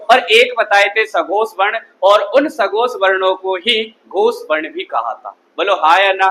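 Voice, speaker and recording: A man's voice: high voice, pushed and bright, poor audio. A man teaching a Hindi grammar class, constantly quizzing his students with call-and-response questions. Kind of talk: classroom lecture.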